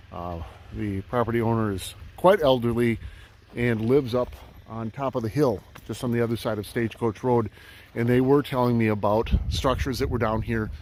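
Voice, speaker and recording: A man's voice: mid-range voice, darkish tone, a little hiss or hum. A man narrating a casual outdoor vlog in snowy woods, easygoing and full of ums and uhs, talking to a camera set up on the trail. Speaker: metal detecting vlogger.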